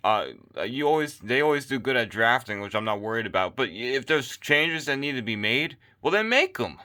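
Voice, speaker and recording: A man, worn out and hoarse late at night, rants casually about sports into his phone mic, rambling and going over the same points. He talks fairly quickly in a mid-range voice with a bright, forceful tone.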